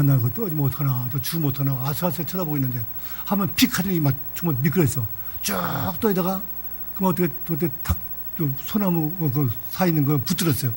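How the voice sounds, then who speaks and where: An older man preaching a sermon in a church, telling a story in a lively, folksy way. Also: fairly high pitch, slight background noise. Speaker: pastor.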